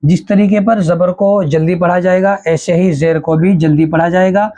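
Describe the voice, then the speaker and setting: A woman teaching Qur'an reading, spelling out letters and syllables in a measured drill. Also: lowish voice, fairly even intonation, dark tone.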